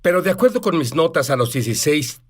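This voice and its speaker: A man's voice: on the high side, sing-song, fast. A man hosting a dubbed interview, asking probing questions and checking details from his notes. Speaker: host interviewer.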